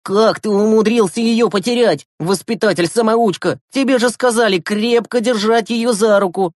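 A man voicing a bossy teenage boy who barks sharp commands at his friends. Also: sits high, normal speed, dry recording, studio quality, voice pushed up, lightly acted. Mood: commanding.

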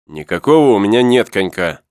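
A man's voice: on the low side, sing-song, brisk, darkish tone, smooth, no room sound, clean studio sound. A man reading the part of a stubborn sailor who insists on his plan, in a storybook reading. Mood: insistent.

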